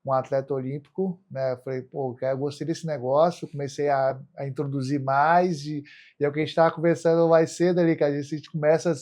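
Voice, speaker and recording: A Brazilian athlete, guesting on a podcast, speaks briskly in a rather high voice with a darkish tone and fairly even intonation. He tells stories about himself in a casual, colloquial way, frequently tacking on tag questions to seek agreement.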